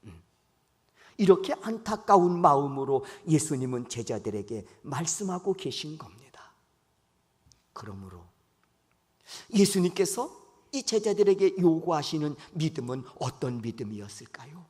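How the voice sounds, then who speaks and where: A male pastor with a fairly high, very lively voice preaches in a church. His voice rings through a long hall reverb. He keeps turning questions to the congregation and acts out the lines he quotes. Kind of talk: sermon. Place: church sanctuary.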